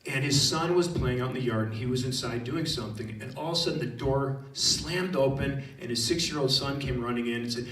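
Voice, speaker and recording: Male theology teacher, animated storyteller at a student retreat. Roomy echo, mic a little distant. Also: medium pitch, brisk, few pauses. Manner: storytelling, animated, addresses audience directly. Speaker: high school theology teacher. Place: indoor retreat room.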